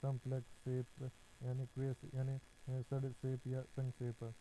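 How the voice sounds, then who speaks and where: A man with a very dark, mellow voice gives a slow, methodical exam-prep grammar lesson. He speaks on an almost unchanging, flat pitch and often pauses on a drawn-out "a" as he works through each example. A faint hiss sits under the recording. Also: poor audio. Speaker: teacher.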